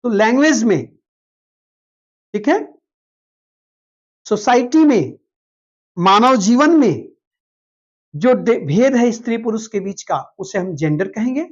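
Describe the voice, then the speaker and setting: Slow, deliberate woman lecturing a class. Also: fairly high pitch, animated, dull audio. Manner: explains slowly, repeats key terms, checks understanding with asides. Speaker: teacher.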